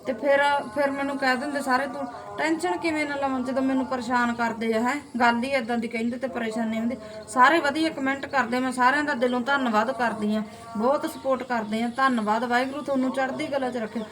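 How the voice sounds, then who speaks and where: A woman's voice: high-pitched, steady tone, fast, crowd noise. A middle-aged woman with a Malwai Punjabi accent, vlogging from home and scolding rude commenters. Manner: indignant, scolding, rhetorical. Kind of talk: casual talk to camera.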